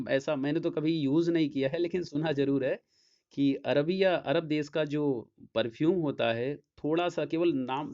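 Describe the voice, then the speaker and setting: A man with a Hindi accent giving an English lesson as a teacher, explaining slowly and checking often that students follow. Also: on the high side, a little mellow. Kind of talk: classroom lecture. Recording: dull lo-fi sound.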